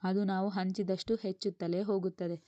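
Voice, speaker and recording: Woman doing a feisty young girl in a storybook, pleading, mellow voice. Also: mid-range voice, flat delivery, a little fast, no echo, muffled recording, natural voice. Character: young woman, spirited hot-tempered daughter.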